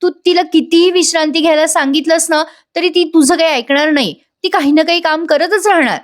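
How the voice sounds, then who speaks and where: A woman's voice: extremely high pitch, a little fast, pitched above the performer's own voice. A woman doing a coaxing middle-aged aunt. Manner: coaxing, pleading. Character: caring middle-aged aunt, gently persuasive.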